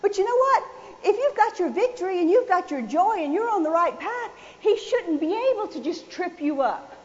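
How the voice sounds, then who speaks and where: High-pitched woman preaching in a hall. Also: normal speed. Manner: folksy, animated storytelling. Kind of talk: sermon with personal story. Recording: dull sound with long hall reverb.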